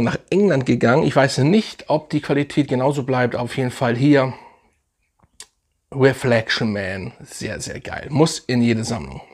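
A man's voice: medium pitch, darkish tone, breathy edge. A young man casually reviewing fragrances in a vlog, enthusiastic and slangy, rambling with fillers.

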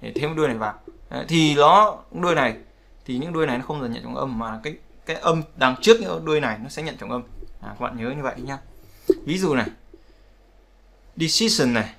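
Male language teacher with a gravelly, bright voice, explaining patiently and repeating examples. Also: mid-range voice, animated, quick pace, a little hiss or hum. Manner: repetitive, conversational, checks with "đúng không?". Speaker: English pronunciation teacher. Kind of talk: explaining word stress in a lesson.

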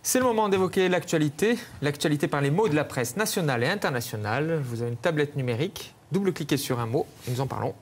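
Higher-voiced TV host man. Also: lively intonation. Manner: brisk, polished segues. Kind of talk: TV talk show hosting. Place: TV studio.

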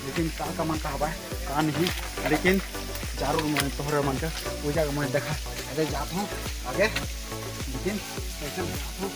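A young man talks to his viewers as he hikes through a forest toward a waterfall, rambling along in a loose, casual way. He films himself on a phone held at arm's length outdoors. Loud music plays under his voice. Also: a little high. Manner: rambling, talking to viewers while hiking. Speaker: vlogger. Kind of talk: casual travel vlog.

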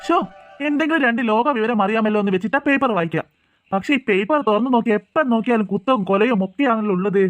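A man's voice: high voice, soft background music, natural voice. A man voicing an easygoing cartoon father who coaxes and teases his two daughters and his wife. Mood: teasing. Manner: jokey, coaxing, quick talk.

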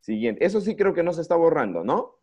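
A Peruvian man leads an online English lesson in a lively, playful way. His pitch swings widely as he prods the students with questions, and his tone is mellow and dark. He comes through a video call with slightly dull, lo-fi audio. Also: fast. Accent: Peruvian Spanish. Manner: lively, coaxing, playful, asks many questions. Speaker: English teacher. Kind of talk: online class for young students. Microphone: computer mic on a video call.

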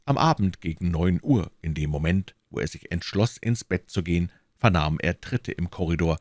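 A man reading a classic novel aloud as an audiobook, with expressive narration. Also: sits low, normal speed, no echo, clean studio sound. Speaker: audiobook reader.

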